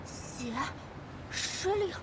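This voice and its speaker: An actress voicing a gentle, timid young woman who speaks softly and anxiously in a story game. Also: drawn-out words, very noisy. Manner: soft and anxious. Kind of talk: game voice acting. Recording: game audio over loud music.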